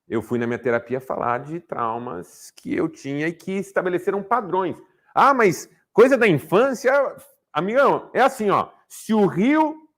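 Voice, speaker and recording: A man giving a motivational talk to a men's group, asking rhetorical questions and acting out little dialogues. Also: high voice. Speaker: speaker at a men's group, therapist.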